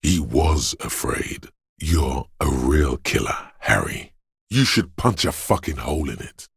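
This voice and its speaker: A man's inner voice of raw fight-or-flight aggression for a dramatic video game. The voice is an extremely low, gravel-thick bass, rasping and slow. He narrates with menace and paranoia, goading the listener deliberately. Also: no room sound, clean studio sound, full character voice. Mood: aggressive goading.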